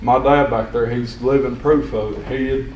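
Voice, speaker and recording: A man's voice: mid-range voice, fairly even intonation, moderate pace, a little mellow. A young man giving unscripted public comment at a county meeting, plain-spoken and rambling with restarts. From Sequatchie County, Tennessee. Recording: echoey hall, distant mic, faint hiss.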